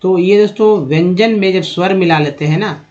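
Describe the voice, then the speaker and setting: Man teaching a lesson, fairly high voice, asks and answers his own questions, muffled lo-fi recording. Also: darkish tone. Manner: asks rhetorical questions and answers them, repeats sounds slowly. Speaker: English teacher. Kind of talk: spoken lesson explaining English spelling and pronunciation. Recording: dull lo-fi recording.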